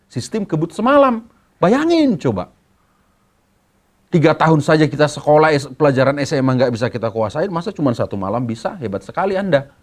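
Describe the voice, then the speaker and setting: Lively Indonesian pastor preaching to students. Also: male voice, on the high side. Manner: lively storytelling with acted quotes. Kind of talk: sermon for students.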